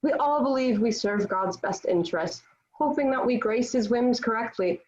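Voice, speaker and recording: A woman's voice: fairly high pitch, lively intonation, moderate pace, darkish tone, natural voice. A woman playing a devout, defiant young Joan of Arc in a dramatic table read, speaking in formal, declamatory period phrasing. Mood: defiant, scornful. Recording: dull lo-fi virtual-meeting audio.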